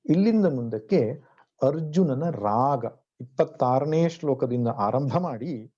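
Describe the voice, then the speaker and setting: A man's voice: mid-range voice, animated, slow, warm tone, husky. A man giving a devotional scripture discourse as a spiritual teacher. He chants Sanskrit verses and then explains them. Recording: dull lo-fi recording.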